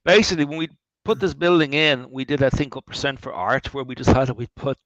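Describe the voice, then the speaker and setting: A man's voice: medium pitch, quick pace, no echo, rough recording. Chatty Irish man giving a distillery tour. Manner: chatty and animated, wry asides, thinks aloud with restarts. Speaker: distillery founder leading a tour. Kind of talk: guided tour talk, answering questions.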